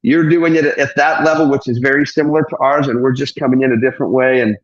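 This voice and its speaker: A man's voice: medium pitch, steady tone, quick pace, reverberant, dull audio. A man, talking as a therapist guest in an effusive, expansive way with frequent restarts. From Portugal. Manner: effusive, expansive, self-correcting. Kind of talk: enthusiastic podcast interview.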